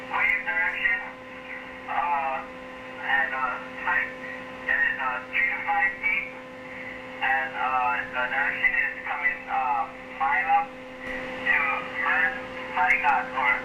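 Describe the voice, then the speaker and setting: A man's voice: medium pitch, very animated, takes it slowly, long pauses. Guy on a far-off two-way radio, static bursts everywhere, lots of uh's, says over and roger. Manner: hesitant, many "uh"s, radio procedure words. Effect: distant two-way radio with static bursts. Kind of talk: two-way marine radio traffic. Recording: distant, echoey, very noisy radio transmission.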